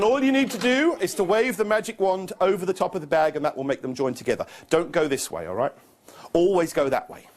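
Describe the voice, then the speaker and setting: Casting: male kids' party magician, playful live patter, very animated delivery, noisy room recording. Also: sits high. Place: live performance before an audience of children.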